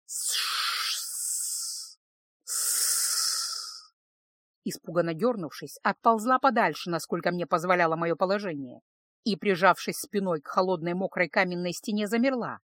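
A woman's voice: on the low side, fairly quick, no echo. Woman narrating an audiobook, dry and close. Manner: steady, expressive reading. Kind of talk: first-person audiobook narration.

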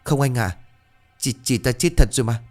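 A man voicing an anxious young woman who speaks in a hushed, worried way. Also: mid-range voice, normal speed, faint music behind, close to an everyday voice.

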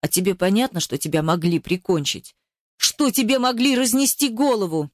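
A woman voicing a hot-tempered, protective young man who talks in gruff, clipped lines and swears, in an audiobook. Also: mid-range voice, expressive, normal speed, dry recording, studio quality, natural voice. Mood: furious. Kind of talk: audiobook character voice.

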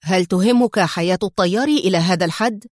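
A woman voicing a menacing male crime boss who speaks in a cold, stern, deliberate way. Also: fairly low pitch, darkish tone, no echo, studio quality, lightly acted. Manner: stern, slow and icy.

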